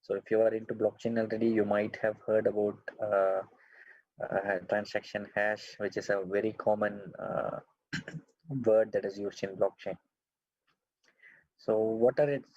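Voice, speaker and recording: A man's voice: fairly low pitch, a little mellow, slightly rough, no room sound. A man from India giving a webinar talk over a video call, hesitant with many fillers and restarts. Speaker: webinar speaker. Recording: dull lo-fi video call audio.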